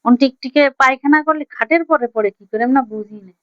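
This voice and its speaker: A woman's voice: high voice, fast, no echo, muffled recording. A woman chatting casually with her husband, teasing and playfully scolding him. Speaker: vlogger.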